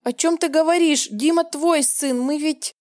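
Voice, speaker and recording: Woman doing a naive young girl in a storybook, shrill and high, begging, dry close sound. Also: a little slow, darkish tone, dry recording. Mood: desperate pleading. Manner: shrill, pleading.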